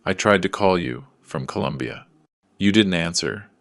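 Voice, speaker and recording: A man's voice: low voice, lively intonation, normal speed, fairly bright tone, dry recording. A man voicing an elderly male doctor in his eighties, a loyal old friend speaking earnestly.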